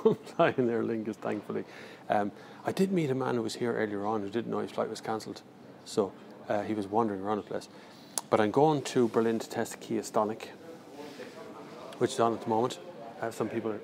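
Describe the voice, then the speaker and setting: A man's voice: medium pitch, vocal fry, a little mellow. An Irish man chatting casually and jokily on a live stream from his phone, rambling as he answers viewers. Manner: rambling, jokey, slangy. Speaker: car reviewer livestreaming. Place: large indoor airport terminal. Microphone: handheld phone. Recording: faint airport terminal noise.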